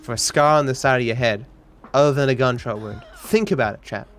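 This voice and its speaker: A man with a cultivated Australian accent close to British, chatting casually and rambling with deadpan humor as he hosts a gaming stream. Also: medium pitch, fairly quick. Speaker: livestream host, speedrunner. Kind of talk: casual chat while gaming. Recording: music behind the voice. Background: music.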